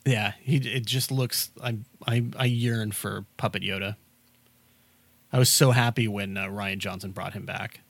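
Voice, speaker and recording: A man's voice: fairly low pitch, steady tone, a little slow, gravelly, a bit bright, no room sound. A man casually talking through a film as he watches it, rambling with lots of fillers and restarts. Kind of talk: casual movie commentary chat.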